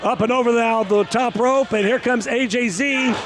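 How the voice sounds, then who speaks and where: High-pitched, exclamatory male wrestling commentator. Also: steady tone, moderate pace, heavy background noise. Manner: emphatic, exclamatory, bursting into shouts at big moves. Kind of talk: excited wrestling play-by-play commentary. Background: music, arena.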